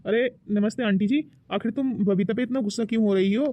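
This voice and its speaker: A woman voicing a polite young male college student in a cartoon, pushing her voice down into a deep, boyish register. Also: fast, warm tone, natural voice. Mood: friendly. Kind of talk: cartoon voice acting.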